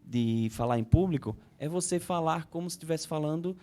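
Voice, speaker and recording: Speaking briskly in a fairly high, darkish voice, this Brazilian Portuguese-accented man is a psychologist guest explaining ideas in a conversational interview. Words get repeated as he thinks, and he dramatizes inner thoughts.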